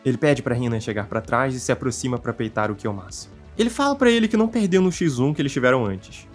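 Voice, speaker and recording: A man's voice: medium pitch, expressive, quick pace, faint music behind. A Brazilian man as guest co-host, reading a scripted commentary recap with sarcastic jabs. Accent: Brazilian Portuguese. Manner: sarcastic, swooping delivery.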